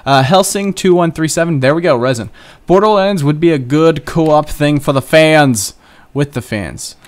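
A young man hosting a gaming channel chats his way through a casual Let's Play of his computer game, rambling and making fun of himself. His voice sits fairly high and keeps a normal speed.

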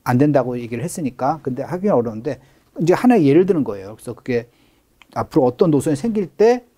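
A man's voice: mid-range voice, big pitch swings, fast, warm tone. A middle-aged man, a real estate expert guest, explaining things in an interview with emphatic stress on key words.

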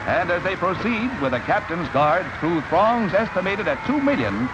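A man narrating an old newsreel in a brisk, upbeat announcer style. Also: sits high, very animated, noisy background. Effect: old newsreel sound. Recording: dull lo-fi 1940s newsreel with music.

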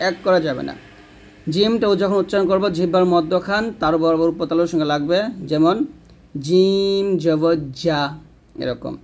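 A man teaching Quran pronunciation, who drills letter sounds slowly and then explains quickly. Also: sits high. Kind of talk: pronunciation lesson.

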